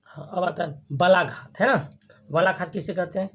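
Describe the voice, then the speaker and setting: A teacher with a breathy, husky voice runs a grammar class in call-and-response style. Each term is repeated and then quizzed back at the students, with frequent restarts and check-ins. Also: mid-range voice, fairly bright tone. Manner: repeats terms and quizzes the class with quick questions.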